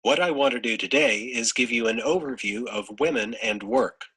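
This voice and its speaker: A man reads a single example sentence in a played recording. His voice is bright and forward, with a husky, slightly rough edge. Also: mid-range voice, normal speed.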